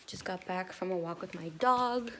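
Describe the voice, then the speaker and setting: A woman's voice: mid-range voice, a bit bright. A woman chatting casually to camera for a vlog, slangy and offhand, sometimes dropping into half-whispered asides. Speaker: vlogger. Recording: noticeable background noise.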